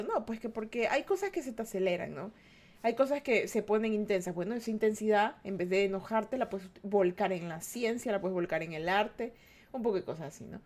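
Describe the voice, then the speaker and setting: An adult woman hosts a podcast, her mid-range voice carrying a darkish tone. She delivers an earnest, reflective monologue addressed straight to her listeners.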